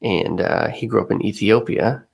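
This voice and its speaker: A man's voice: fairly low pitch, normal speed, creaky, breathy edge. A man co-hosting a podcast, talking things through in a thoughtful, musing way as he searches for the right words. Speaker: podcast co-host. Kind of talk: casual podcast chat.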